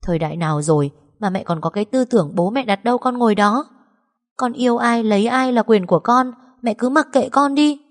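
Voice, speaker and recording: A woman's voice: medium pitch, fairly quick, pitched above the performer's own voice, lightly acted. A tearful, pleading young woman, played by the female narrator in a storybook audio drama. Her voice rings with a long reverb. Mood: angry. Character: young woman, distraught girlfriend.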